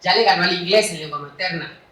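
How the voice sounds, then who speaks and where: Animated Mexican woman in an echoey hall. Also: lowish voice, quick pace, far from the mic. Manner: animated, chatty, frequent "¿no?" tags. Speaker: author presenting her book. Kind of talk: lively public talk at a book fair. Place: large echoey hall at a book fair.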